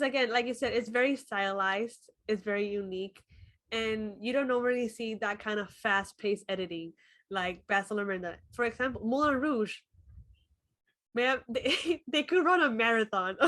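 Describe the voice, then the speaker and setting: A woman's voice: a little high, animated, normal speed, fairly bright tone. A woman co-hosting a casual film review podcast, laughing often and thinking aloud with fillers. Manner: laughs often, talks through thoughts with fillers.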